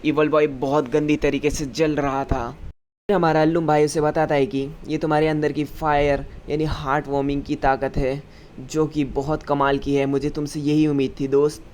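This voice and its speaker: A man's voice: a little high, little pitch movement, moderate pace, a little mellow, slight background noise. A man narrating a story recap in a casual, chatty, conversational way.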